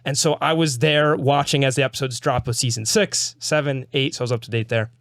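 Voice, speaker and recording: A young man hosting a casual chat, telling a story in an animated way with quick restarts. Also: medium pitch, no echo, clean studio sound. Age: young adult. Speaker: host.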